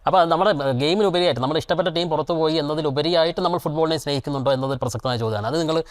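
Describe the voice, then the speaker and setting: A man moderates a football discussion and puts long questions to his guests. He speaks extremely fast, and his voice sits slightly high. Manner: poses long questions to the panel. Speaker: host.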